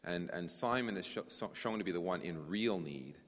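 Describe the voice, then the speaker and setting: A man preaching a conference sermon to brothers and sisters, animated, often repeating words as he searches for the phrasing. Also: deep voice, normal speed. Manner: addresses listeners as brothers and sisters. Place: conference hall. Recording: long hall reverb.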